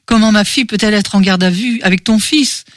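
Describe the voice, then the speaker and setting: A woman voicing a quick-tempered protective father in an audiobook, tense and indignant. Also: mid-range voice, no echo, studio quality, pitched above the performer's own voice, natural voice. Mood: angry.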